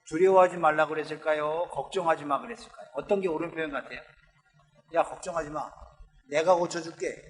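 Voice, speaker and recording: A man preaching a sermon as a pastor, telling the story with lively acted-out lines from the characters. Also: sits high. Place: church sanctuary. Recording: long church hall reverb.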